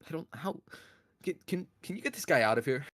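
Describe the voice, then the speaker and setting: A man's voice: a little high, animated, fairly quick, no echo, clean studio sound. A man in a casual online role-play debate, answering as a candidate with a stammering, hesitant way of talking.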